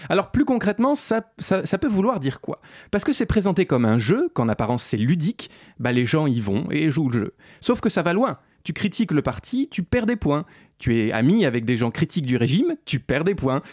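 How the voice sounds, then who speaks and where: A man's voice: fairly high pitch, big pitch swings, a little fast, darkish tone, no room sound, clean studio sound. A man hosting a sarcastic commentary video essay, speaking ironically and addressing the listener directly. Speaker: host.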